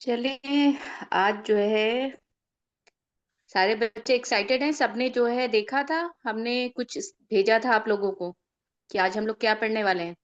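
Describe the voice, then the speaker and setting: A woman's voice: a little high, unhurried, long pauses. A woman teacher addressing an online class in an upbeat way. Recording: muffled video call audio.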